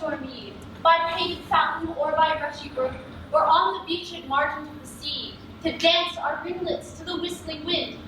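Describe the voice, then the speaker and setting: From far off in an echoey space comes an actress as a proud, angry fairy queen. She declaims in hammy Shakespearean stage style, her voice high and bright. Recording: distant echoey stage capture with faint noise.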